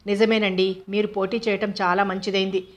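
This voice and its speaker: A gentle young village wife, soft-spoken with a light teasing edge, as a woman narrator reads her. Her pitch stays flat and even. The sound is slightly muffled. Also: brisk, natural voice.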